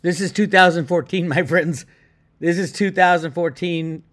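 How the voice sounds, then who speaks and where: A man hosting his own online video channel, ranting in a casual, animated way with lots of restarts and indignant asides. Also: a little high, normal speed. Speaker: crypto video host. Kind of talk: casual commentary to viewers.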